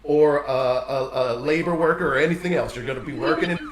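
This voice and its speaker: A man from Austin, Texas, playing a smooth-talking, shady movie boss in an improvised film-noir comedy scene, flattering and overly reassuring. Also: fairly high pitch, fairly quick, lightly acted. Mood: reassuring, sly. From Austin, Texas, USA. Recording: roomy sound with faint background noise.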